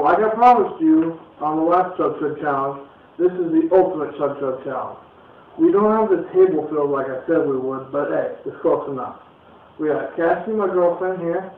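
Higher-voiced young man, far from the mic. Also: expressive, moderate pace, phone-quality sound. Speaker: host. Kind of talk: casual challenge vlog chat. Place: small domestic room, indoors. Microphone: phone camera across the table. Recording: roomy, distant camera mic with music.

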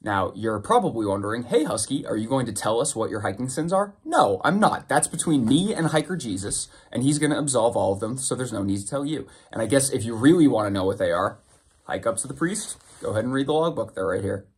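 This young thru-hiker's casual trail vlog has a fast, husky, medium-pitched voice with big swings in pitch, recorded dry. Holding a phone at arm's length outdoors on a mountain trail, he speaks in a wry, self-mocking way.

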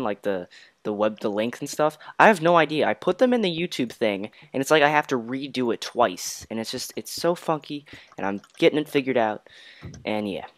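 A man's voice: medium pitch, no echo. A man hosting a casual gameplay chat, talking in a rambling, offhand way with a light joking streak. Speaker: channel host.

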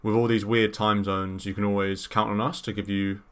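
Male podcast host, lowish voice, chatty and enthusiastic, casual delivery. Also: level tone, normal speed, clear, resonant tone. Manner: chatty and enthusiastic, many fillers.

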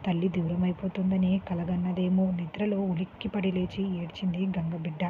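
A woman's voice: lowish voice, level tone, moderate pace. Woman narrating a story over a tinny line. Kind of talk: scripted narration. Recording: tinny phone-like sound, faint hiss.

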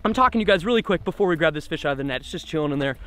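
A young man vlogging about his fishing trip outdoors, talking casually and excitedly into a camera held at arm's length. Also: on the high side, rapid-fire, dry recording. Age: young adult. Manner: excited, chatty, lots of "like" and "literally". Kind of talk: casual vlog narration. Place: outdoors on a boat on a lake. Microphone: action camera at arm's length.

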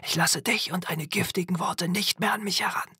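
A man's voice: mid-range voice, a little slow, gravelly, slightly rough, no echo, clean studio sound. A man voicing a bitter young boy in an audiobook who speaks threateningly, often half-whispered. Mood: menacing whisper. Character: bitter, menacing young boy with fire powers. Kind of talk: audiobook character voice.

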